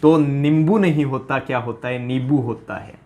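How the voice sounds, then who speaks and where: A man's voice: mid-range voice, moderate pace, a little mellow, slight background noise. A male teacher giving a pronunciation lesson, drilling students with repeated questions. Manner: drills with repeated questions, mimics rural dialect speakers for laughs.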